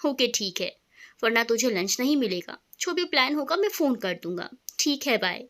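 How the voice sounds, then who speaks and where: A woman's voice: a little high, lively intonation, moderate pace, a bit bright. A woman voicing a playful, affectionate young man who teases his wife, in a storybook reading. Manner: teasing, affectionate. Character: playful young man, teasing loving husband.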